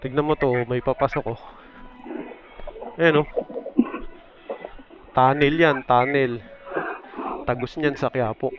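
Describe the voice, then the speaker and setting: A man's voice: medium pitch, steady tone, slow, pauses often, muffled recording, faint music behind. A man from the Philippines chatting casually as he walks a trail outdoors, pointing things out and a bit out of breath. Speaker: vlogger. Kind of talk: casual walking vlog. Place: outdoors on a trail to a river dam.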